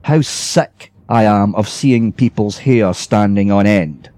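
A man's voice: lowish voice, slow, darkish tone, no room sound. Weary old-style ghost guy complaining, a man doing it in a storybook reading, dry close sound. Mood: friendly. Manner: grumbling complaints, then friendly. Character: weary grumbling male ghost, sociable but bitter.

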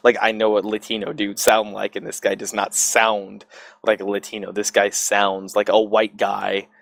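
A man from Southern California with an American accent chats casually as a podcast co-host about video games, halting and repeating himself as he goes. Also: on the low side, completely flat delivery, vocal fry, fairly bright tone, dry recording. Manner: halting, repetitive, profane.

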